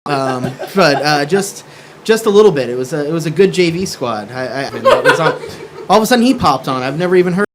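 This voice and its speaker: Animated male studio guest. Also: fairly high pitch, fast talker, heavy background noise. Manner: laughing, animated. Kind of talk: casual political chat. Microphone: studio mic in the corner.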